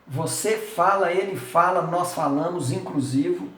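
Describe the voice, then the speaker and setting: A man's voice: high voice, unhurried, a bit bright. Chatty male language teacher, echoey room. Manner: chatty, informal, repeats words for drill. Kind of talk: casual video lesson.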